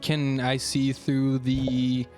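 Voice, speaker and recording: A man's voice: medium pitch, monotone, drawn-out words, darkish tone, soft background music. A man playing a tabletop game, chatting casually and hesitantly with frequent restarts and laughter. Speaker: player.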